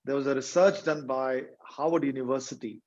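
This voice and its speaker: A man's voice: mid-range voice, fairly even intonation, a little fast, a little mellow. A man co-hosting a webinar over a video call, praising the previous speaker before he gives his points. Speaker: co-host, university leader. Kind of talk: webinar talk. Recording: dull video-call audio.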